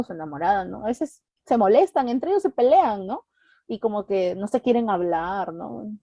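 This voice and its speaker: A woman with a Latin American Spanish accent teaching an exam-prep literature lesson, checking understanding with frequent tag questions and slowing down to stress key terms. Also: medium pitch, mellow, no echo.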